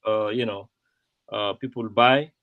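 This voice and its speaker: A man hosting a live-streamed talk show, speaking in a rambling, halting way full of fillers. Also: on the low side, fairly even intonation, dry recording, narrow, tinny audio.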